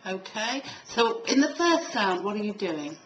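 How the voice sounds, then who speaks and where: An elocution teacher gives a one-on-one pronunciation lesson, issuing instructions, modeling sounds, and prompting with questions. Her medium-pitched voice is very animated yet unhurried, recorded in an echoey room with faint background noise.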